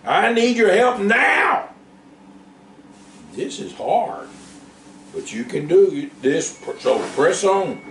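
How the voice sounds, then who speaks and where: Man playing an older farm animal, patient, encouraging, slow, roomy, distant. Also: high voice, vocal fry, a little hiss or hum, voice pushed up, exaggerated voice. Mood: urging. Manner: encouraging, steady. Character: older male work animal, patient steady mentor. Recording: roomy, distant, faint background.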